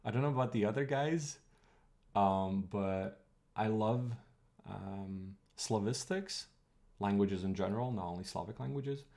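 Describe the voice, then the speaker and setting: A man's voice: fairly low pitch, measured pace, a little mellow. A man whose first language is Croatian, giving a chatty, digressive live-stream lecture on language history and thinking aloud as he goes. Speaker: streamer teaching linguistics.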